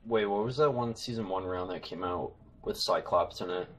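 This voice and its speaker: A man's voice: deep voice, moderate pace, a bit bright, a little hiss or hum. A young man on a group podcast panel, bantering and joking in a casual way.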